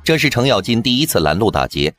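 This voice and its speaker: A man narrating a TV drama recap in brisk scripted storytelling. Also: mid-range voice, sing-song, a bit bright. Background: background music.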